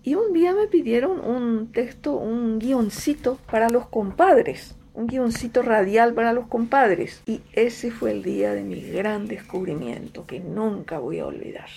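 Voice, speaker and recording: A middle-aged Paraguayan writer, a native Guaraní speaker with a Paraguayan Spanish accent, answers interview questions reflectively and without hurry, full of fillers and repetitions. Her voice runs somewhat high, creaky and mellow, with lively intonation.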